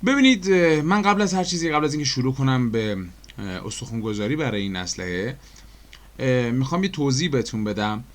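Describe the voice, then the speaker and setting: An animated, mid-range male voice with an Iranian Persian accent runs a chatty screen-recorded animation tutorial. He breaks it down step by step, uses fillers freely, quizzes his viewers with questions, and calls them dear friends.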